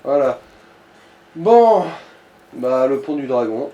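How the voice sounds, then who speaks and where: A man acting as a let's play commentator steers a player through a game, swearing and cracking crude jokes in a casual way. His medium-pitched voice is slow, warm and sing-song, and the muffled recording comes from an echoey room with faint background noise.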